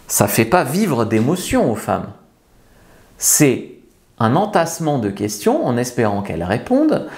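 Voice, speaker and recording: A man giving dating advice straight to camera, with a lively voice that swings up and down in pitch. He is blunt and emphatic, and sometimes acts out nervous or confident pickup lines. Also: creaky. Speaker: seduction coach. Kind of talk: direct-to-camera advice video.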